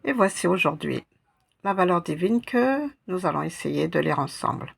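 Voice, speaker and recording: Woman, language teacher, slow patient delivery, gravelly husky voice, lowish pitch. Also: expressive. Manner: patient, repeats sounds syllable by syllable. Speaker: Arabic teacher. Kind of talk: slow step-by-step lesson.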